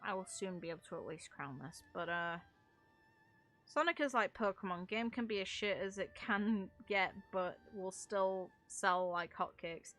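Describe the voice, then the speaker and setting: A British woman streams a game and chats casually, her medium-pitched, fairly bright voice a little slow, with faint music behind. She's blunt and opinionated, with some mild swearing.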